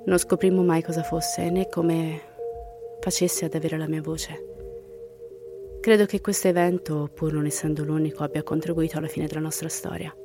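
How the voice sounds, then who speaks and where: A woman's voice: low voice, flat delivery, moderate pace, over music. A woman hosting a podcast, reading listener horror stories and reacting with laughs, sometimes sinking to a whisper for the eerie parts. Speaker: podcast host.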